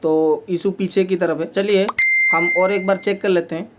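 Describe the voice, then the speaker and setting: A man's voice: high voice, fairly even intonation, normal speed, heavy background noise. A man with speech, a repair technician who explains each step of fixing a table fan in a plain way, with many fillers. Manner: speaks while working with his hands.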